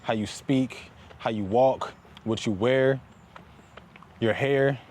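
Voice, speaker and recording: This man's voice is medium in pitch, slow and a little mellow as he talks motivationally in a conversational vlog manner, stressing points and building them with repeated phrases. He's outdoors climbing a paved hill, with traffic making the recording noisy.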